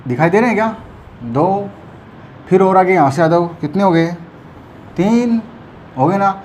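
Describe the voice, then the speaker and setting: Male teacher, somewhat high voice, patient and repetitive, keeps checking in with the class, faint hiss behind. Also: animated, unhurried, a little mellow. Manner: explains patiently, keeps checking students follow. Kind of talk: whiteboard math lesson.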